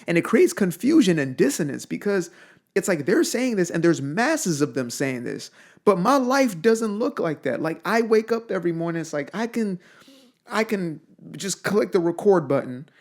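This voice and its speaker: Young man, from Zimbabwe, motivational monologue, emphatic, blunt, repeats phrases, slightly high voice. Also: a little mellow. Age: young adult. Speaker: motivational speaker.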